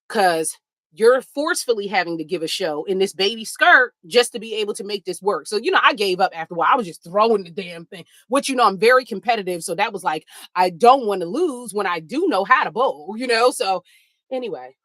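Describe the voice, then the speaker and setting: A woman telling a funny story in a sassy, animated way, talking to listeners as girl and baby while she walks on a treadmill. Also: medium pitch, dry recording. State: walking on a treadmill. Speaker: podcast host. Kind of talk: casual storytelling while walking. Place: home treadmill, indoors.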